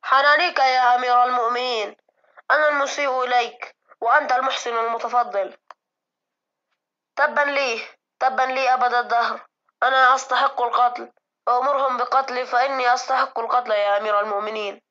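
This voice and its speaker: Woman as remorseful servant, loud, pleading, sobbing, high bright voice. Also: steady tone, quick pace, lo-fi sound, natural voice. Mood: anguished. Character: guilt-stricken male servant, weeping and pleading. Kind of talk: classroom drama reading.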